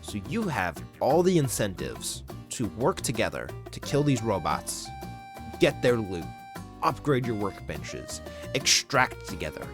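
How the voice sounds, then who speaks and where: Lively low-voiced man reviewing a game. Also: unhurried. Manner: casual, enthusiastic, with mild swearing. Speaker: gaming commentator. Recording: voice-over with clear background music.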